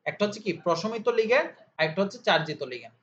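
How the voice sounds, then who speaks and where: Racing through an informal chemistry lesson, this male tutor has a high-pitched, slightly bright, very animated voice. He drills key terms by repeating them and answers the questions he poses himself. Faint hiss and somewhat dull sound mark the recording.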